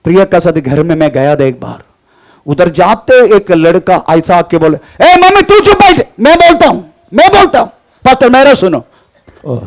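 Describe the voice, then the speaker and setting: A middle-aged male pastor preaching a sermon, often breaking in with praise the Lord and echoing the Bible reader's lines. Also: high voice. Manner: repeats the reader's lines, frequent "praise the Lord" and "haan" interjections.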